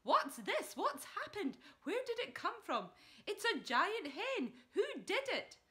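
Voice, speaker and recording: A woman acts out an excitable small man from a children's storybook, a dad who is easily worked up. The voice leaps high and swoops about, shouting each exclamation in amazed bursts. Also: takes it slowly, exaggerated voice. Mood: amazed, excited.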